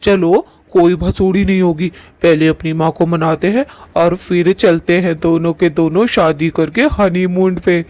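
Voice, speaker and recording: A man's voice: high-pitched, steady tone, a little slow, hardly any pauses, a little mellow, dry recording. A man voicing a lovesick young ghost groom in a cartoon, coaxing and sweet-talking. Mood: pleading.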